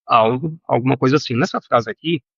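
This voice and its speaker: A man teaching a recorded Greek grammar lesson, halting with fillers and self-corrections and often checking in with his students. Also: mid-range voice, gravelly, dry recording, lo-fi sound.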